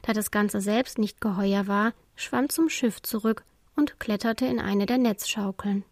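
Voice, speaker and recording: A woman narrating a children's storybook in a calm, expressive way. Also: mid-range voice, a little slow, dry recording, studio quality.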